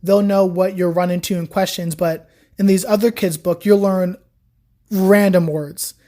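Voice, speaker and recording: A young woman speaks at normal speed with a fairly low voice as a podcast guest. Chatting casually in the interview about learning Chinese, she tells her story animatedly, leaning heavily on "like".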